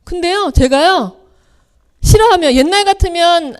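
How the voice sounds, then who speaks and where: A woman's voice: very high-pitched, moderate pace. A middle-aged woman giving a motivational seminar speech, telling personal stories and acting out the voices of family members. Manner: storytelling, acting out quoted family voices with big swings. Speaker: seminar speaker.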